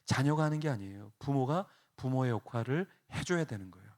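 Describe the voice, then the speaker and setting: A man preaching at a parents' seminar in a church, acting out parents and children in quick quoted lines and rising into fervent prayer. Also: mid-range voice, animated. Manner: rises to loud fervent prayer. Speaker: pastor. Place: church hall.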